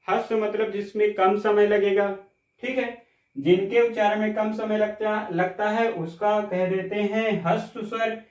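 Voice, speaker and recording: A man teaching a Hindi grammar class, explaining step by step, checking with the class, and stretching out sounds slowly to demonstrate them. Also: high voice, level tone, distant mic. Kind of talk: classroom lecture. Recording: echoey room, mic set back.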